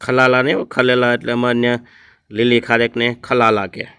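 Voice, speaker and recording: A man, teaching an exam-prep grammar lesson and explaining word meanings one by one, sometimes chanting a verse slowly. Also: medium pitch, flat delivery, a bit bright, clean tone, dry recording, clean studio sound.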